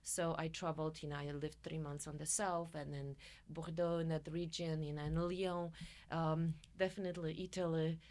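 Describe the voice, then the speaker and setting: Polish lady guest, low pitched, chatty and expressive, accent. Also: normal speed. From Poland. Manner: warm, expressive, laughs often. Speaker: guest, coach and musician. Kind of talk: interview conversation.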